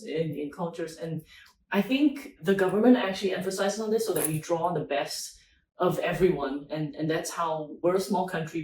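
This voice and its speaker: A young woman answers interview questions in a friendly, thoughtful way and often restarts her phrases. She sounds distant from the mic in an echoey conference venue. A faint hum of noise runs behind her. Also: sits low. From Singapore. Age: young adult. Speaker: interview guest, agile coach. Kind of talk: casual interview.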